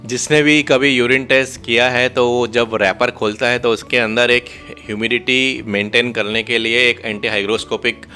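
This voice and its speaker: A man gynecologist co-hosting, explaining biology in a measured way and putting questions to his colleague. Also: medium pitch, bright, forceful tone. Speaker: gynecologist co-host. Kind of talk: medical explainer conversation.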